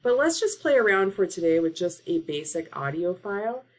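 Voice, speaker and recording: A woman's voice: lowish voice, big pitch swings, normal speed. A woman teacher-librarian giving a casual tutorial, talking through steps on her laptop with frequent fillers, recorded on the laptop microphone. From Oregon. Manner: casual, filler-heavy instruction. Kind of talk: screen-share tutorial.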